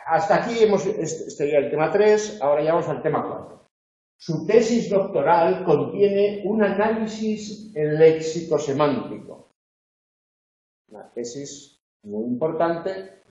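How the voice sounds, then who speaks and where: A man's voice: a little high, lively intonation, measured pace, mellow. Man explaining exam answers, echoey room. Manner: methodical, checks understanding with frequent "¿de acuerdo?". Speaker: university tutor. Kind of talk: lecture correcting exam answers. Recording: echoey, dull lo-fi classroom recording.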